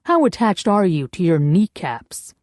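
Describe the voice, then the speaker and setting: A woman's voice: big pitch swings, a little slow, darkish tone, no echo, studio quality. A woman doing a cold, menacing protector. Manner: cold, low, threatening. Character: big, menacing, protective man, dour.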